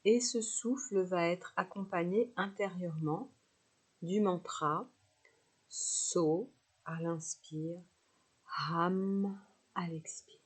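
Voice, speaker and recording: A woman with a fairly low, slightly rough voice teaches yoga nidra. She guides a relaxation meditation with soothing, unhurried instructions and leaves pauses between phrases.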